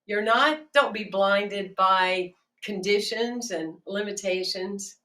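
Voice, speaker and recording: A woman minister giving a sermon in a gentle, measured, halting way. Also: medium pitch. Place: church sanctuary. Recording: distant mic with faint music.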